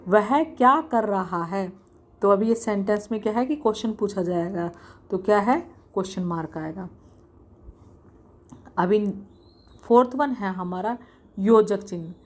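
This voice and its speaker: A young woman teaching a casual grammar lesson, often repeating examples slowly and asking herself questions as she explains. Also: medium pitch, darkish tone.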